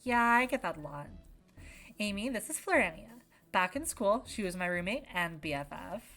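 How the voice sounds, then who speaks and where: A woman reading out a bubbly young heroine from a game, perky and loud. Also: medium pitch, lively intonation, moderate pace, soft background music, voice pushed up. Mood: cheerful. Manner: perky, shouting happily.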